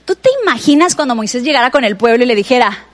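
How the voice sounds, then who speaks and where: A woman preacher with a Mexican Spanish accent delivers a sermon. Her voice sits high, and she talks to the congregation as if in conversation, with frequent asides addressed straight to the listener. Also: animated, quick pace.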